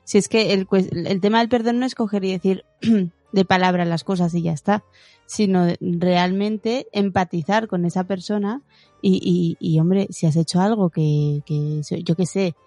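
A woman's voice: fairly low pitch, fairly even intonation, measured pace, warm tone, no room sound. A woman in her thirties speaks in a mid-range voice, chatting casually about parenting. She sometimes acts out her small daughter's sweet voice. The recording is dry and close, with faint music behind her.

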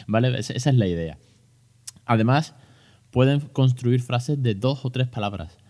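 Hosting a relaxed educational podcast, this thirty-something man with a Spain Spanish accent speaks unhurriedly at a medium pitch, his voice a little mellow. He chats and jokes, often restarting and using plenty of fillers.

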